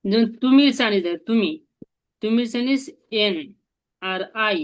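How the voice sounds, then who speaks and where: A woman's voice: fairly high pitch, moderate pace, clean tone. A woman, teaching a language lesson and patiently explaining each step. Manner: patient, explains step by step and asks the learner to repeat.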